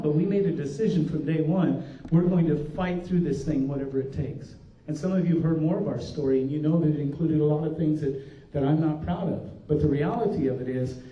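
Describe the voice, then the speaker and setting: There is slight background noise behind this fairly high-pitched man. He is an older pastor giving a sincere, folksy workshop talk in a conference room with many restarts, recorded from a distance with a dull, roomy sound.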